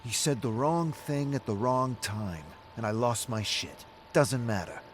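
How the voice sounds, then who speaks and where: Male reader doing a hotheaded brawler: gruff, loud, bristling, over street noise. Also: mid-range voice, expressive, pitched above the performer's own voice, close to an everyday voice. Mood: defensive. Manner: gruff, curses, quick to bristle. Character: brash hotheaded young male brawler, defensive.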